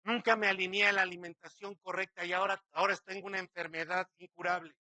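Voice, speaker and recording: A man's voice: high voice, flat delivery, fast, bright, forceful tone, dry recording. A man, a pastor preaching a sermon dramatically, acting out quotes and asking many rhetorical questions.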